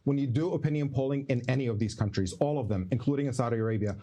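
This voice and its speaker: A man's voice: medium pitch, rapid-fire, mellow. A man in his forties from the Middle East, arguing firmly and emphatically in a heated debate. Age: 40s. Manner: firm, emphatic, argumentative. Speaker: debate guest.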